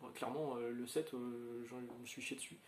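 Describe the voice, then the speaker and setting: A man's voice: medium pitch, steady tone, moderate pace, slight background noise. Chatty man in an echoey room. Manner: rambling, chatty, many fillers and restarts. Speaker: channel host. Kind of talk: casual chat to viewers.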